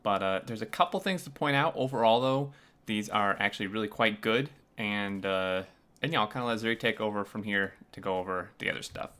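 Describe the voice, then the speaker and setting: A man's voice: lowish voice, fairly quick, bright, forceful tone. A man hosting a casual video game review, talking with many filler sounds. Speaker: host. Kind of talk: casual gameplay review chat.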